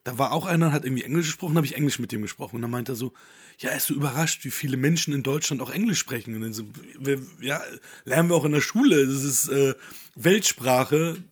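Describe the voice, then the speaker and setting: Male podcast co-host, husky, middle pitch, chatty anecdotes. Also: fast. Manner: animated storytelling with put-on voices. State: coughing, unwell. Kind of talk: casual chat.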